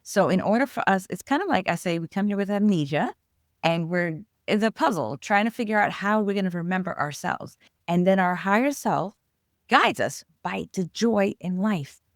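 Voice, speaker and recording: A woman's voice: medium pitch, lively intonation, normal speed, no echo, clean studio sound. A woman with a New York accent, an author talking earnestly as a guest about spiritual growth. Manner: earnest, flowing, explanatory. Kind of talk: spiritual interview talk.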